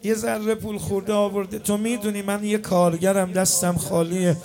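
A man's voice: high voice, level tone, darkish tone, faint music behind. A man telling an emotional religious story in an impassioned, half-sung delivery. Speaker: religious eulogist.

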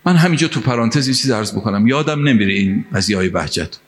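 A man's voice: lowish voice, animated, a little hiss or hum. Impassioned preacher man from Mashhad. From Mashhad, Iran. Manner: impassioned, rising to emphatic peaks; recites Arabic phrases and verse. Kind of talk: sermon with storytelling.

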